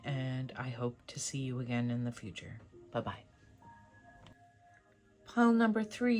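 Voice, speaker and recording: This tarot reader has a mid-range voice with a darkish tone and leads a casual pick-a-card reading. The delivery to viewers is conversational, affirming and encouraging.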